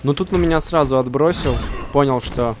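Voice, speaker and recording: A man's voice: mid-range voice, normal speed, background noise. A man giving casual, slangy gameplay commentary with self-deprecating grumbling. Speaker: gaming video host.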